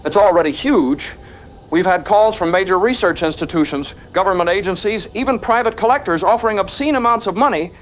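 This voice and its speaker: A man plays an earnest young university lab researcher in an interview-style audio drama, talking conversationally. His voice sits high, close to everyday speech and a little fast, sounding proud and excited. The audio is dull, with background noise.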